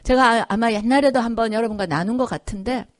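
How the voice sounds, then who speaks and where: High-voiced Korean woman pastor preaching. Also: fast talker, no room sound, studio quality. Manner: conversational preaching with frequent "그죠?" and "예?" asides; animated storytelling, acting out voices. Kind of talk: sermon. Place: church sanctuary.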